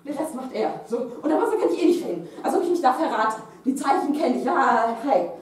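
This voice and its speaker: Young woman, high voice, improvised comic monologue, laughs through it, echoey room heard from far off. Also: very fast. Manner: lively, laughing through her story. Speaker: student storyteller. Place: classroom stage.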